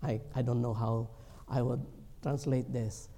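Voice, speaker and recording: A man from the Philippines preaching a sermon as a pastor, earnest and slow, sometimes acting out pleading prayers. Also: medium pitch, little pitch movement, warm tone. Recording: long hall reverb.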